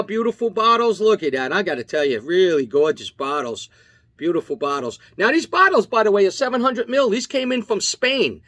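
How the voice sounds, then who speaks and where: A man from Long Island with a fairly high voice, walking viewers through a casual tasting review. He sounds enthusiastic, lists tasting notes one after another and keeps checking in with "okay?" as he goes. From Long Island, New York. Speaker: tequila reviewer.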